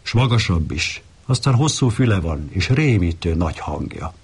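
A man voicing a timid, fearful male lion in a read-aloud fable, husky and pleading. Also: low-pitched, big pitch swings, exaggerated voice. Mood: anxious. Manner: pleading, anxious.

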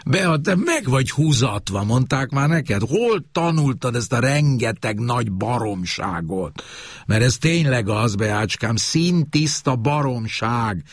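A man's voice: mid-range voice, animated, no room sound, clean studio sound, pitched above the performer's own voice, lightly acted. A man voicing a blunt, scornful middle-aged father. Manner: scornful, mocking.

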